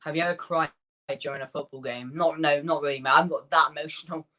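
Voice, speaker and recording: Bloke doing a live fan watchalong, rattling off player names, chatty asides to the chat. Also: male voice, fairly high pitch, steady tone, pushed and bright. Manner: rapid player-by-player calls, chatty asides to viewers. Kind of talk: live play-by-play fan commentary.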